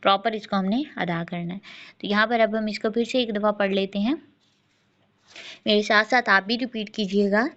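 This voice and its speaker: A woman teaching Quran recitation and its rules, explaining each rule carefully and pausing to model the sounds. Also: medium pitch, steady tone, fairly bright tone, dull audio. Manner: explains quickly, then recites slowly in a chanting voice. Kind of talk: recitation lesson.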